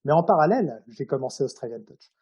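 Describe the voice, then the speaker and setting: A man's voice: on the high side, lively intonation, fast talker, darkish tone, husky. A man speaking informally and hesitantly as an author being interviewed. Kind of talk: casual interview, telling anecdotes about his own writing.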